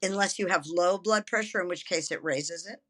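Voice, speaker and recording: Interview guest, woman of seventy, crisp bright tone with a lowish pitch, chatty and enthusiastic. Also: moderate pace. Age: 70s. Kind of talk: casual interview chat.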